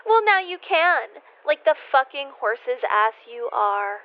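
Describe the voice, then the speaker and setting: A woman's voice: high voice, sing-song, takes it slowly, highs cut off, heavily acted. An actress playing a bratty, cruel, mocking teenage witch influencer in an audio drama. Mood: scornful. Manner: mocking, flippant, giggly.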